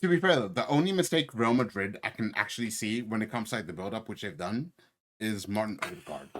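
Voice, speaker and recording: A man's voice: on the low side, animated, fast, a bit bright. A man co-hosting a podcast in a casual football debate, slangy and argumentative, swearing casually. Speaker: podcast co-host.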